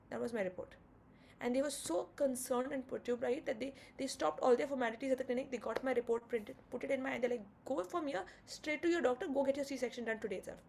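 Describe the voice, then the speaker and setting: A woman tells a personal story with feeling, her voice a little high and edged with grit. She brings the people in the story to life by quoting them and stops to fix her details. A faint hiss sits under the recording. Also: creaky, a little mellow. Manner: vivid retelling with quoted dialogue and self-corrections. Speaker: guest sharing her birth story.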